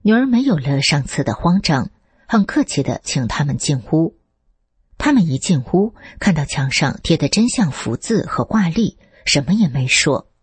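A woman reading a first-person account as scripted narration, lifting her pitch for quoted speech. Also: sing-song, moderate pace, a little mellow, breathy edge, no echo. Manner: reads steadily, lifts the pitch for quoted speech.

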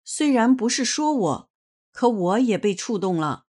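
A woman reading a first-person testimony aloud in a measured, earnest way. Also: a little high, sing-song, a little mellow.

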